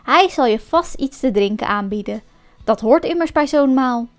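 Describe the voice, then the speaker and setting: A woman's voice: high-pitched, lively intonation, a little slow. A woman voicing a cunning male fox in a storybook, sweet-talking and mocking under a show of friendliness. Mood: sly.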